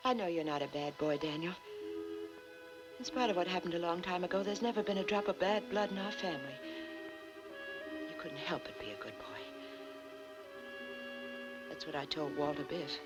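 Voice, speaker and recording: Brief: actress as a motherly Southern aunt, lowish voice, old soundtrack with strong music. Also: fast, lightly acted. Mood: concerned. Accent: American Southern. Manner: soft-spoken, hesitant, motherly. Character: gentle, worried middle-aged aunt raising her nephew. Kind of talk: 1940s film acting.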